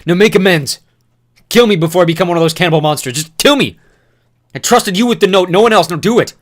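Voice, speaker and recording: Here the same man again plays a raging young man losing his mind, screaming and ranting with spitting fury as he hurls bitter accusations. The voice is mid-range and quick, not far from how he normally speaks.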